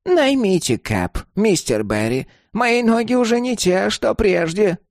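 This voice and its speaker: Sly old landlady woman, as a male reader puts her on, high swooping sing-song voice, slow and menacing. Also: big pitch swings, no echo, studio quality, exaggerated voice. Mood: brisk.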